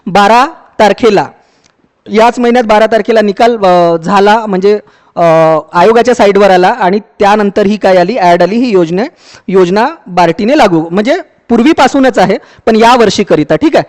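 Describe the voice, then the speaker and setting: A man with a very high-pitched voice talks students through an application step by step. He speaks conversationally, often pausing to check in and restarting words. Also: darkish tone. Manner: conversational, repeats "ठीक आहे", frequent fillers and restarts. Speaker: education YouTuber explaining a scheme. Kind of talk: explanatory walkthrough for students.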